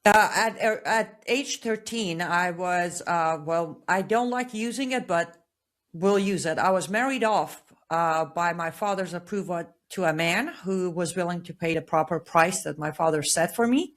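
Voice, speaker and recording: A woman from Iran, a guest author, giving measured, earnest answers in an interview. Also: fairly low pitch. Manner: measured, earnest personal account.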